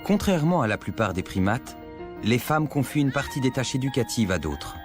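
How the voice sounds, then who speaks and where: A male narrator delivers scripted nature documentary narration at a middling pitch. His delivery is measured and explanatory, shaped like storytelling. Music plays clearly behind his voice. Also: sing-song.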